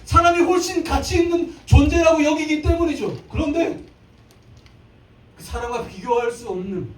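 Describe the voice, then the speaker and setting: A man's voice: very high-pitched, moderate pace. A man in his thirties preaching a live church sermon, playful, with jokes and little acted scenes. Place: church sanctuary. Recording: echoey church hall from a distant mic.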